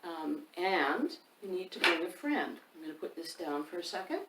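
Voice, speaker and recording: This children's author and storytime host has a lowish voice with wide pitch swings and a moderate pace. Sitting indoors by a fireplace, she talks unhurriedly and directly to young listeners, chatting and reading a picture book with expression. The distant microphone gives a roomy sound with faint background noise.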